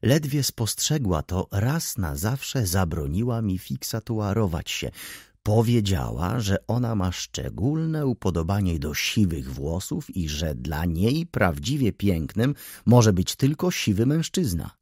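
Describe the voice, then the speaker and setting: A fussy, talkative graying baron, read by a man, ceremonious and eager to please. The voice sits low and slightly husky, with a lively, swinging pitch. It sounds close and dry, with no room echo. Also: unhurried, exaggerated voice. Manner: talkative, ceremonious, addresses listener as "panie".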